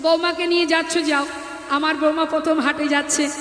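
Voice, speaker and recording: A woman's voice: high voice, flat delivery, fairly quick, a bit bright. Woman acting scheming old mother-in-law Jatila. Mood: coaxing. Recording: echoey hall with live music.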